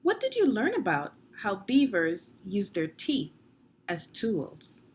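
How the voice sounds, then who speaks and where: With huge pitch swings, a medium pitch, and a slightly rough texture, a woman reads slowly from a children's nonfiction text. She narrates as a reading teacher, instructive throughout and putting guiding questions to her young listeners.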